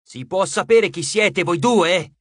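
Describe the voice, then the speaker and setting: A stern young demigod hero who demands answers, voiced by a man narrating an audiobook. His tone is firm and bright. The sound is close and dry. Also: sits high, expressive, slow, no echo, exaggerated voice. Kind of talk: audiobook character voice.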